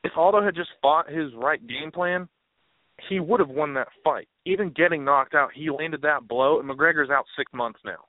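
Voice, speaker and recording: A man's voice: fairly high pitch, normal speed, no echo. Fired-up man calling in by phone. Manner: animated and emphatic, rising to a near shout. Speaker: guest analyst. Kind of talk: casual sports chat. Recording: dry phone-line audio.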